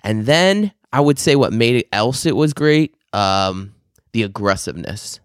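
A man's voice: medium pitch, animated, measured pace, smooth, dry recording, clean studio sound. A man co-hosting a podcast, rambling and laughing through crude, casual stories. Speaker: podcast co-host. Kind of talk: casual chat.

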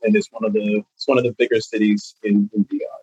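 Young man, New York, podcast guest, thoughtful, relaxed, dry close sound. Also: lowish voice, quick pace, husky, dry recording, dull audio. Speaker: guest actor. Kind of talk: casual interview chat.

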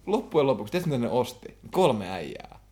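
A man's voice: medium pitch, very animated, dark tone. A young man, co-hosting a podcast in slangy casual chat, laughing often and swearing. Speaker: podcast co-host.

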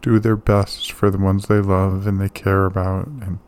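A man gently delivering a calm bedtime relaxation monologue, soothing and unhurried, with pauses. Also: low-pitched, a little hiss or hum. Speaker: host of a sleep relaxation show.

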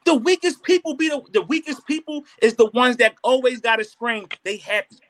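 A man's voice: extremely high pitch, fairly quick, fairly bright tone. A man co-hosting a casual podcast, arguing emphatically and acting out quotes, with some profanity. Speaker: podcast co-host.

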